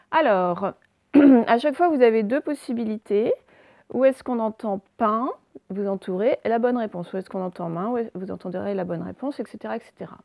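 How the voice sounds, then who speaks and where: A woman teaching a recorded phonics lesson to young pupils, slowly and carefully pronouncing example words. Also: medium pitch, creaky, warm tone, dry recording. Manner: slow, carefully articulated words for dictation. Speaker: primary school teacher.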